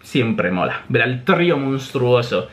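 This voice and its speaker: A man, a manga reaction host talking in a chatty, animated way and laughing often. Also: mid-range voice, takes it slowly. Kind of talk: casual reaction commentary.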